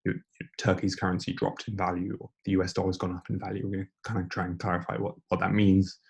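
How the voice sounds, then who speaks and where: A young man giving an informal online lecture, speaking in a hushed near-whisper as quietly as possible, breathy as if losing his voice. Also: sits low, flat delivery, fast. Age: young adult. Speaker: debating lecturer.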